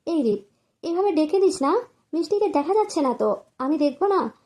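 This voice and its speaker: A heartbroken husband rages and pleads at his wife's grave, as a woman reader acts him out. The voice is high, strained and desperate. Read as an audiobook drama. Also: animated, normal speed. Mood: frantic. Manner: anguished, pleading, shouting in grief. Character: grief-crazed young husband at a grave.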